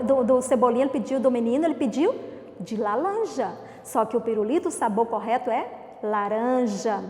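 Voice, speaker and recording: A woman with a Brazilian accent, teaching a remote class to young children in a slow, sing-song way, stretching out syllables. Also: high voice. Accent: Brazilian Portuguese. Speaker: primary school teacher. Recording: echoey room with long reverb.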